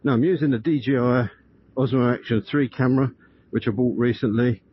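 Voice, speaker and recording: Riding outdoors on country roads, a man with a medium-pitched, fairly even voice talks briskly, rambling and thinking aloud for his motovlog. The helmet intercom microphone makes him sound muffled and boxed in, with loud wind and engine noise.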